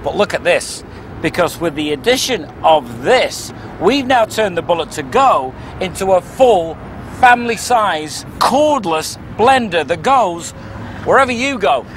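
Male infomercial presenter, high-pitched, doing an upbeat step-by-step demo outdoors with faint background noise. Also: very animated, unhurried, fairly bright tone. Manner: narrates each step while demonstrating. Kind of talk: upbeat product demonstration.

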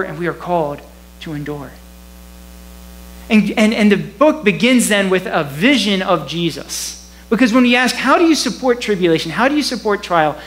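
A man with a rather high voice delivers a sermon from the pulpit. He talks in a loose, conversational way, chuckling now and then. There's a faint hum under his voice. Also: rough recording. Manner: conversational, animated, laughs often. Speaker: pastor. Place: church.

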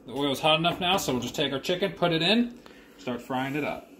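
A man's voice: a little high, expressive, brisk, fairly bright tone. A young man casually walking through a recipe in his home kitchen, plain-spoken and full of fillers. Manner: laid-back, plain-spoken, filler-heavy. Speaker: home cook. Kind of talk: casual cooking demonstration. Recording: noisy home kitchen with sizzling.

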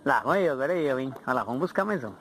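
A Brazilian man fishing outdoors, chatting excitedly and chanting calls to the fish. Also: medium pitch, racing, slight background noise. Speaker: fishing vlogger. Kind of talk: casual running commentary while fishing. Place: outdoors at a pond.

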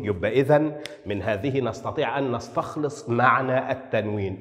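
Man, language teacher, emphatic, asks and answers his own questions, stretches out example words, long reverb. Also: mid-range voice. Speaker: Arabic writing instructor. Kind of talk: lesson.

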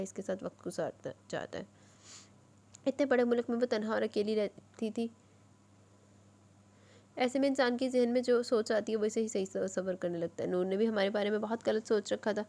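A woman voicing an elderly, gentle male patriarch who speaks calmly and reassuringly in an audiobook reading. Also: mid-range voice, creaky, lightly acted. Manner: soothing, reassuring.

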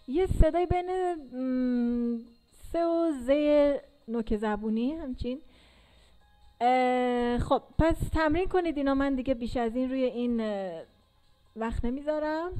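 A woman's voice: high-pitched, dark tone, low-quality recording. A woman teaching English to learners in a casual classroom style, patiently repeating and drilling sounds.

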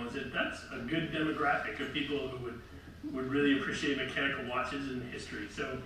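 A middle-aged lecture presenter gives a casual slide talk to a seated audience in a large room, his voice loud, bright and medium in pitch. He rambles, restarts and corrects his sentences, letting out light laughs. A far-off camera picks him up in a very echoey hall with faint noise behind him.

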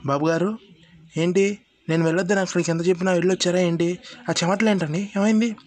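A man's voice: sits high, fairly even intonation, fast talker, close to an everyday voice. A man voicing a worried, deferential female housemaid who pleads respectfully in a horror story. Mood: anxious, pleading.

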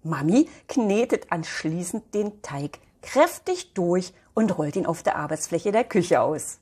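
Grandma storyteller, slow, husky-soft, lively melody. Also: female voice, fairly low pitch. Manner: soft, often whispery storytelling. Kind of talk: reading a children's book aloud.

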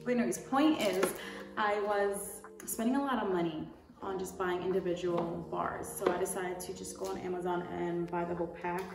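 In an indoor room, a young woman runs through a product haul for her lifestyle YouTube channel, chatting casually to camera and rambling a little. She speaks on the low side at a moderate pace, with fairly even intonation and some vocal fry. Music plays behind her, and the distant mic picks up a roomy echo.

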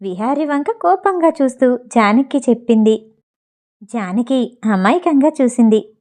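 A woman's voice: a little high, expressive, measured pace, darkish tone. A woman reading a novel aloud as an audiobook narrator, voicing the characters in her own voice.

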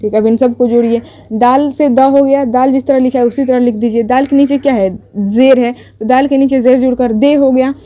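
A woman's voice: high voice, steady tone, brisk, mellow, lo-fi sound. A woman teaching a beginners' Urdu writing lesson step by step, patiently explaining each stroke and correcting herself as she goes.

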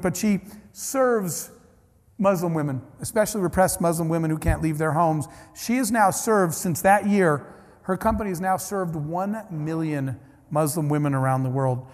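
A man's voice: sits high, a little mellow. A man giving a conference keynote, telling stories in a conversational, anecdotal way with restarts and asides. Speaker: keynote speaker. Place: large conference hall. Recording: long hall reverb.

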